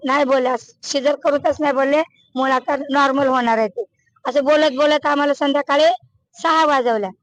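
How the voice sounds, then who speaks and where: High, flat-voiced woman giving testimony. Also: no echo, muffled recording. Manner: halting and repetitive, restarts words; colloquial Marathi speech. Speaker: mother of a deceased patient. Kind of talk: emotional testimony to a reporter.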